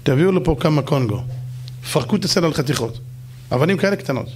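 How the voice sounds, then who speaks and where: A clever royal advisor speaks in a calm, assured voice, as a preaching man acts him out. His slightly raised tone reassures rather than argues. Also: a little high, slight background noise, lightly acted.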